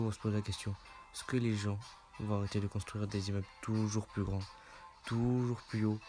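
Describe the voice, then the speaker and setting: Hesitant man over loud music. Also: fairly low pitch. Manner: hesitant, repeats "c'est énorme" with fillers. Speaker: YouTube channel host. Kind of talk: casual top-ten voice-over. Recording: music playing loudly underneath.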